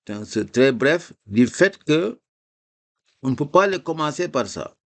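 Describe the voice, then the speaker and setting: A man teaching a live reading lesson, explaining slowly and patiently with repeated examples. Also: a little high, very animated.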